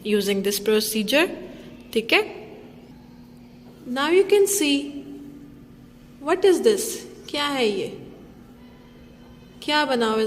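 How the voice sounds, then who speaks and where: A woman teaches phonics to small children, drawing each sound out very slowly. Her voice sits a little high and rings with a long reverb. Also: a little hiss or hum. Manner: slow, drawn-out sounding of letters, mixing English and Hindi-Urdu. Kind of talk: phonics lesson for young children.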